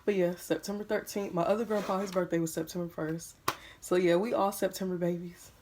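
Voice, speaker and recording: A woman's voice: lowish voice, fairly even intonation, brisk, noisy background. A young woman chatting casually to her viewers while unboxing a wig at home, talking around a piece of gum. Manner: chatty, addresses viewers as "y'all", chewing gum. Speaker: beauty vlogger.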